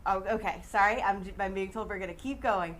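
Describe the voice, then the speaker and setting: A woman's voice: mid-range voice, fairly quick, a bit bright. A woman hosting a live sports broadcast, chatting in a friendly way between segments and reading sponsor thanks. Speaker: studio host.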